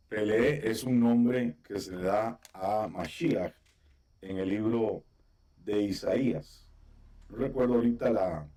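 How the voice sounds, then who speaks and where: A man's voice: fairly low pitch, takes it slowly, pauses often, mellow. A man teaching a Biblical Hebrew class over a video call, explaining patiently step by step and often checking with his students. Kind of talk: online class instruction.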